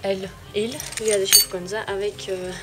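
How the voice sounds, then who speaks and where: A woman's voice: mid-range voice, flat delivery, normal speed, heavy background noise. A woman, casually showing and explaining her things to viewers in an easygoing, self-deprecating way. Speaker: vlogger. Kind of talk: casual show-and-tell.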